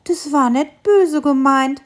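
A woman voicing a timid little bird in a children's story, speaking meekly and slowly. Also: high-pitched, voice pushed up. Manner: meek, soft.

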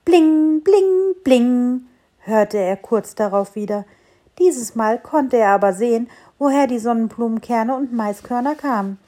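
A woman narrating a children's story in a calm, gentle reading voice. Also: on the high side, moderate pace.

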